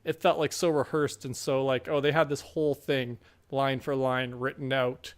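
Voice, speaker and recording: A man's voice: medium pitch, little pitch movement, moderate pace. A man co-hosting a podcast in casual chat, easygoing, laughing often and rambling with fillers. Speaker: podcast co-host.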